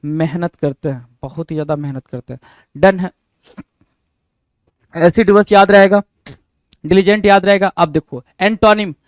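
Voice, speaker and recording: Guy teaching vocab for exams, kinda high voice, dry close sound, keeps asking questions and answering them himself. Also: moderate pace, long pauses, dry recording. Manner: asks rhetorical questions and answers them himself, repeating key words. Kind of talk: exam-prep vocabulary lesson.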